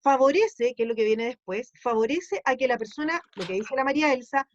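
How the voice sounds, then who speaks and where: A woman's voice: sits high, expressive, brisk, dull audio, slight background noise. A woman teaching a class, explaining patiently and checking in often with questions. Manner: explanatory, asks ¿sí? to check understanding.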